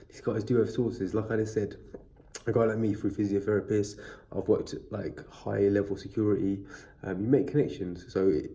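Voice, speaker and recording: A boxing vlogger with a fairly low, dark-toned voice and a stuffy, sniffly cold chats casually through a boxing news video. He rambles along with plenty of fillers and restarts, recorded on his device's built-in mic rather than an external one.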